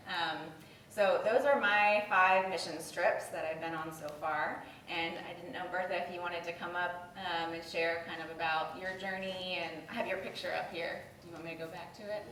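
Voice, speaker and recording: A woman with a fairly low voice talks through her slides in a relaxed, conversational way, with plenty of ums. She is some distance from the mic. The room gives her voice a clear echo. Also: moderate pace, slight background noise. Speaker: retreat facilitator presenting slides. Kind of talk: informal slideshow talk. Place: church meeting room.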